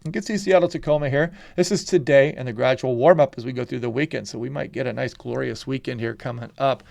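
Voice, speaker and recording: A weather channel host, congested from a head cold, walks through a casual forecast over weather maps. His gravelly, mid-range voice moves fast, relaxed and conversational, with frequent "you know" and "kinda."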